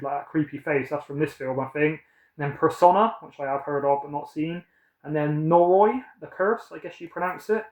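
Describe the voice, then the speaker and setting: A British man in his thirties chats casually while showing off his film haul, rambling, upbeat, and correcting himself along the way. His voice is on the high side, and the low-quality recording has a roomy sound.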